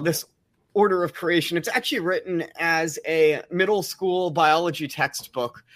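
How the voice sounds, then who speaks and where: A man's voice: fairly high pitch, a bit bright. A man casually recommending a book, pedantic about word forms.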